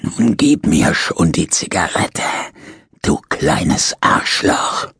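A man voicing a dying, bitter old male prisoner, with a hoarse, rasping voice and drawn-out, wheedling speech. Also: deep voice, animated, no room sound, studio quality, full character voice. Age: older.

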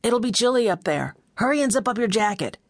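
A woman's voice: lowish voice, animated, fairly quick, vocal fry, slightly rough, no echo, studio quality, full character voice. A woman narrator voicing a cheerful, confident male pilot who jokes and hurries others along. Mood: playful. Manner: joking and eager.

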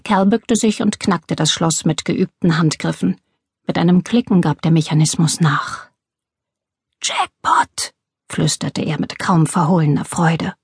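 A woman reading a crime novel aloud in steady, measured audiobook narration. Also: low voice, breathy edge, no echo, studio quality.

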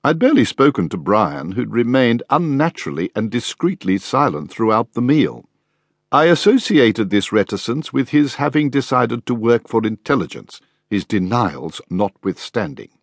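A man reading an audiobook in the first person, wry and measured. His pitch moves lively through each sentence, and the recording is close and dry with no room sound. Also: no echo. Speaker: audiobook narrator. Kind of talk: scripted first-person narration.

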